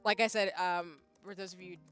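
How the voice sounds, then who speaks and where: A young English-speaking streamer reads her viewers' comments in a casual chat, faint music playing underneath. She speaks a little fast in a fairly low, fairly even and fairly bright voice, thinking out loud with frequent restarts.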